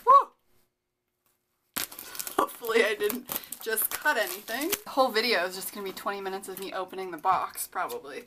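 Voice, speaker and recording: A young woman from Canada, hosting her own vlog and gushing with excitement as she opens a gift package, full of little fillers and exclamations. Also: medium pitch, quick pace, noisy background. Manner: gushing, breathless, lots of likes and oh my gods. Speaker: vlogger.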